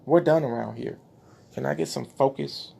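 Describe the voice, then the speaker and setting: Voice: mid-range voice, normal speed, creaky, warm tone, husky. Impassioned monologue voice, emphatic and preachy, a little winded. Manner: preachy, emphatic, exclaims at times. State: out of breath. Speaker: speaker addressing followers. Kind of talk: impassioned monologue showing documents.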